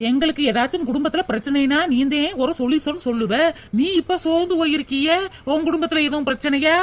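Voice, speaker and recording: A woman doing a quick, chatty young village woman. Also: sits high, close to an everyday voice. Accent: Tirunelveli Tamil. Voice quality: chatty, advising, teasing. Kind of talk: cartoon comedy voice acting.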